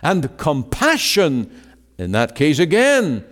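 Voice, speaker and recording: A man preaches an evening gospel sermon at an unhurried, deliberate pace. His pitch swings widely as he climbs to emphatic exclamations and sinks low again. The long reverb of a large church hall trails after every phrase. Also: wildly swooping pitch, a bit bright. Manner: emphatic, rising to exclamations then dropping low.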